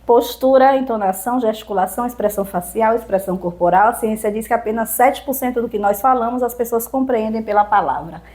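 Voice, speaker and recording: A woman's voice: on the high side, fast talker, few pauses, darkish tone. A woman with a Brazilian accent, a public speaking trainer giving didactic interview answers with rhetorical questions. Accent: Brazilian Portuguese. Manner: didactic, lists points and poses rhetorical questions.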